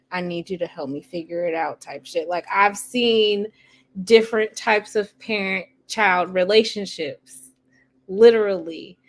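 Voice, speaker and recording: A woman guest, a priestess, speaking in a reflective, measured way in a casual online chat. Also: mid-range voice. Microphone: video call.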